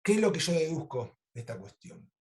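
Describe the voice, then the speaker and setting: A man with an Argentine Spanish accent, a psychoanalyst lecturing over a video call and telling clinical cases in a lively, animated way. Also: a little high, fairly quick. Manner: animated storytelling, acts out quoted lines. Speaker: psychoanalyst teaching an online course.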